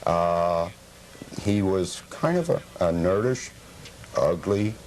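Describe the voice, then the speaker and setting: A low-voiced American collector, a guest in a television studio, answers interview questions factually and a bit formally, explaining things in a measured way. He is very animated, with a darkish tone. The sound resembles an old, slightly noisy TV tape.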